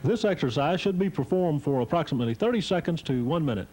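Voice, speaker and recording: A man giving a measured, formal instructional voice-over, heard from a worn VHS tape copy. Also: a little high, lively intonation, a little mellow, a little hiss or hum, low-quality recording. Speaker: narrator.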